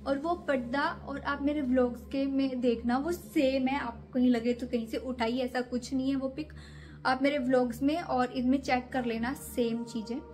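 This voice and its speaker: A woman's voice: high voice, fairly even intonation, moderate pace, a little mellow. A young woman vlogger chatting casually to camera, rambling through a scary story from her own nights.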